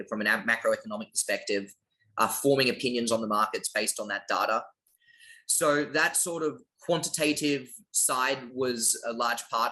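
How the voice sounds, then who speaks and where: Man, Australian accent, bright crisp-edged tone, upward inflection, casual interview guest. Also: mid-range voice, rough recording. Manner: upward inflection at phrase ends. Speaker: interview guest, finance project lead.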